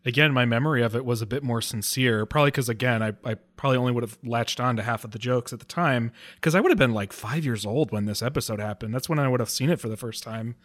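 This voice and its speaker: A man's voice: mid-range voice, quick pace, hardly any pauses. A man co-hosting a recap podcast in a casual conversational style. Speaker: podcast co-host. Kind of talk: casual episode recap chat.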